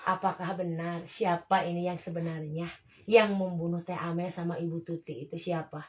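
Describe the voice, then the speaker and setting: A woman's voice: lowish voice, steady tone, moderate pace. A woman, a spiritual healer questioning a patient, repeating words and murmuring pious exclamations. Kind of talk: spontaneous questioning with murmured prayers.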